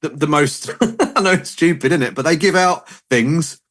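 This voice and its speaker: A man's voice: fairly high pitch, moderate pace, fairly bright tone. A man, hosting a podcast and telling rambling, chatty anecdotes in casual conversation. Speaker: podcast host. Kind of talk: casual chat.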